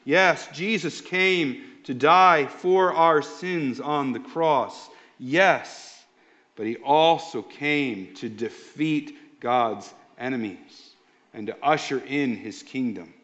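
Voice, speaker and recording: A pastor preaching a sermon in an emphatic, slow and deliberate way. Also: male voice, mid-range voice, a bit bright. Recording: dull lo-fi sound.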